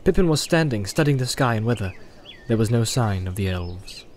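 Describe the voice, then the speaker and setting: A man narrating an audiobook in an expressive storytelling manner. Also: on the low side, normal speed, slight background noise. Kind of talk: scripted narration.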